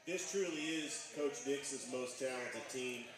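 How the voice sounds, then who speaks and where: A man co-hosting a live sports talk show, giving measured, stat-heavy analysis of teams. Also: medium pitch, music in the background. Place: bar and grill. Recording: echoey, distant mic in a noisy bar.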